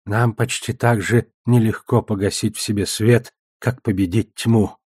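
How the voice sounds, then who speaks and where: A man's voice: fairly low pitch, fairly even intonation, unhurried, a little mellow, husky, dry recording, clean studio sound. A man voicing an older male wizard who talks in a wandering, thoughtful way, in an audiobook.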